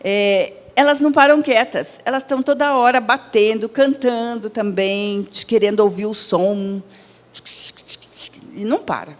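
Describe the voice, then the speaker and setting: A woman's voice: fairly high pitch, a little slow. A woman with a Brazilian Portuguese accent giving a public lecture, chatty and conversational, asking the audience questions and acting out quoted dialogue in her own voice. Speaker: lecturer at a spiritist center. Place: lecture hall. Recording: long hall reverb.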